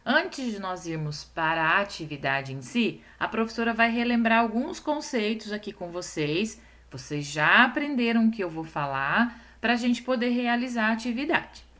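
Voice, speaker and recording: A woman teaching a recorded lesson to young schoolchildren, patient and explaining step by step. She slows down to stress syllables and keeps checking whether the children follow. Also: a little high, lively intonation, sharp tone.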